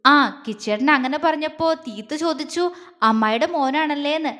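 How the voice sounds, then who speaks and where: A playful young wife, high and sing-song, coaxing her husband in an audio drama, voiced by a woman storyteller. The voice pleads like a child and rings with a long reverb. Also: fairly quick, a bit bright.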